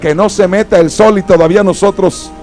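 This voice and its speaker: A man with a Mexican accent preaching a sermon in a fervent manner, swinging between loud exclamations and quiet asides. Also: sits high, steady tone, brisk, soft background music. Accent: Mexican Spanish.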